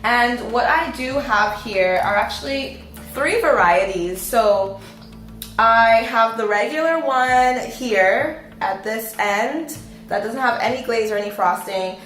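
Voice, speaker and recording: A woman's voice: mid-range voice, a bit bright. Woman, casual vlog, enthusiastic, chatty, roomy echo. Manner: chatty, enthusiastic, filler-heavy. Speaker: recipe vlogger. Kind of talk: casual taste-test vlog. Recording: roomy echo, faint music behind.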